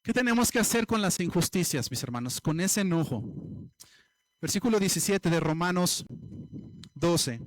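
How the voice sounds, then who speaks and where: A man's voice: high-pitched, expressive, normal speed, no echo. A man preaching a sermon as pastor, addressing the congregation directly and acting out everyday voices.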